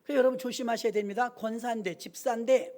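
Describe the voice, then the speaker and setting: A woman pastor delivers an evening sermon in a church with a high-pitched voice. She tells personal stories, acting out the quoted dialogue. She presses her listeners with emphatic warnings. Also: fairly even intonation, fast talker, warm tone. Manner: emphatic, exhorting the congregation.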